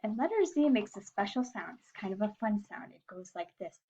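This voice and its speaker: A woman teacher reading and giving lesson instructions to young children in a singsong, simple, deliberate way. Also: mid-range voice, sing-song, dark tone, breathy edge, muffled recording. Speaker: early-years teacher.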